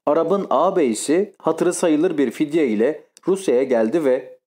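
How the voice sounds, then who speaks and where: A male audiobook reader voicing a grave, dutiful middle-aged noble father, speaking heavily and slowly. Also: a little high, dark tone, close to an everyday voice.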